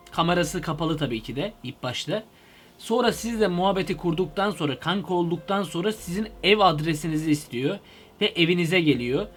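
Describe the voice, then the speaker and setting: A young man hosting a comedy video from his computer, talking animatedly into a headset mic and shouting in mock fright. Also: sits high. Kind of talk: excitable comedic vlog. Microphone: headset microphone.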